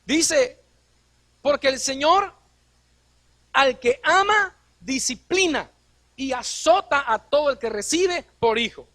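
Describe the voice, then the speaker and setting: A man's voice: extremely high pitch, animated, takes it slowly, pauses often, bright, forceful tone, no echo. A man preaching a sermon as a pastor, posing rhetorical questions and acting out quoted dialogue.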